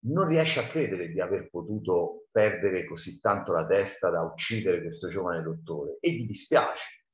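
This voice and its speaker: A man reads from a novel and explains the chapter in a conversational way. His voice is fairly low. The recording is roomy and a bit dull. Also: expressive, normal speed. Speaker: teacher reading and explaining a novel. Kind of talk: reading aloud and explaining.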